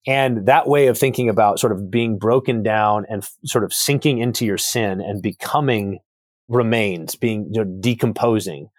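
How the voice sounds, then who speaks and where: A man with a somewhat low voice works through ideas out loud in a thoughtful, circling way, repeating words as he builds each point. He is a guest author in a podcast conversation. The recording is close and dry, with no room sound. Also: normal speed, no echo. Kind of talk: reflective theological conversation.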